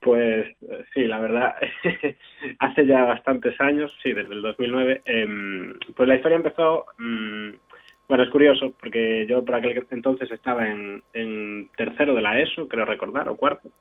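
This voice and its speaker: A man's voice: mid-range voice, measured pace, dry recording. A young man from Galicia speaking over a landline phone in a casual interview, hesitant and full of fillers and restarts. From Galicia, Spain. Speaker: drummer in a band, guest. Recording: tinny dry phone line.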